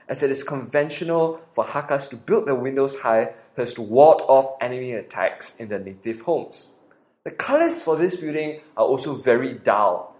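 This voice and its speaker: A man with a Singaporean English accent hosts a podcast, narrating a scripted audio walking tour and guiding the listener step by step. His mid-range voice is a little mellow, and the room sounds echoey.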